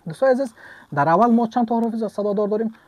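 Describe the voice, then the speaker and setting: A man's voice: high-pitched, darkish tone, no echo. A man teaching English. He repeats each example word several times and asks and answers his own questions. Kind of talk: online language lesson.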